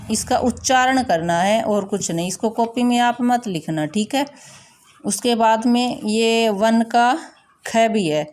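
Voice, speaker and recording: A woman teacher explaining a school lesson slowly and patiently, repeating her instructions. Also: a little high, a little mellow. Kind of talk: recorded classroom lesson.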